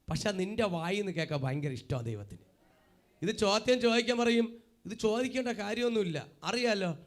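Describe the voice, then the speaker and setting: A man preaching a sermon fervently, swinging from loud cries to hushed asides. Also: high-pitched.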